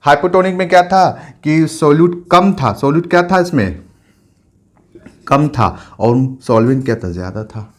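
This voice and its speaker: A man's voice: a little high, animated, normal speed. Man teaching science, answering his own questions. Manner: repeats questions and answers them himself; mixes English science terms into his speech. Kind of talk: classroom lecture.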